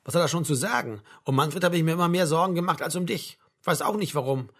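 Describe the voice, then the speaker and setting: A man's voice: a little high, fast. A man reading a novel aloud, voicing a tired, blunt middle-aged mother who scolds her grown son. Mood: tired, tender. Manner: scolding, tired, sharp-tongued. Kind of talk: audiobook character voice.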